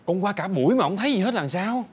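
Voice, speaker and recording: Fussy dad, talks super fast, voice jumps all over, soft music behind. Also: male voice, sits high, lively intonation, a little hiss or hum. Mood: questioning. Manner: fast, exasperated, swoops into exclamations. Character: fussy, excitable middle-aged father. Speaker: father. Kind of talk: TV sitcom acting.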